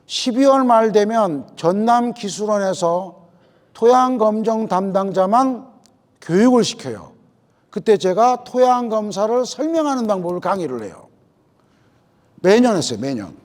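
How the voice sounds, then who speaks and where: A middle-aged man teaches a room of farmers in a folksy, storytelling way. His voice sits high and swings widely up and down as he acts out the people in his anecdotes. He sounds like he is speaking in a lecture hall. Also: very animated, measured pace, a little mellow. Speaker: agricultural lecturer.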